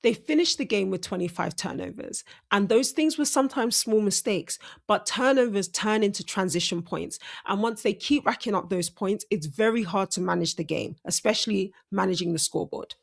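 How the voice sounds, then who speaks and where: A woman's voice: mid-range voice, normal speed, gravelly, hardly any pauses. A woman hosting a casual sports breakdown, chatty and self-correcting, her speech slightly impeded by braces. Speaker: host.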